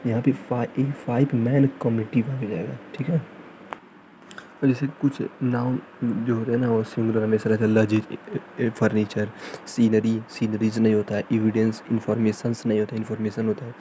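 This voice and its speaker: A man teaching English grammar in a fast revision lesson, repeating points and reading English examples out slowly. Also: on the low side, level tone, warm tone, slight background noise, low-quality recording. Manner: repetitive, drilling, reads English examples slowly.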